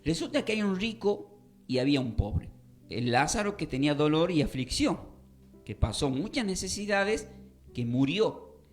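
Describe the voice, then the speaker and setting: A man's voice: fairly high pitch, sing-song, normal speed, soft background music. A man teaching a radio Bible class, quizzing listeners and repeating key points for emphasis. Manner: questioning, emphatic teaching with repetitions. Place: radio studio.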